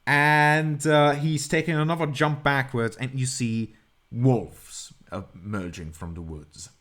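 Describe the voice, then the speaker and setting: A man's voice: medium pitch, fairly even intonation, slow, a bit bright. A man narrating an improvised tabletop game as game master, hesitant and often correcting himself.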